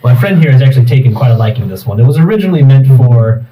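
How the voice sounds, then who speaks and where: A man playing a tabletop game in character, talking smoothly and politely like a merchant. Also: medium pitch, expressive, very fast, warm tone, distant mic, low-quality recording. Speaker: player. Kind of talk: in-character tabletop role-play.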